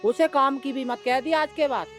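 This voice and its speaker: A man's voice: very high-pitched, moderate pace, fairly bright tone, faint music behind. A man with a Haryanvi accent playing a hot-tempered young village husband who threatens his own mother. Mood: angry. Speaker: husband and son in a village drama. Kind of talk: Haryanvi film acting.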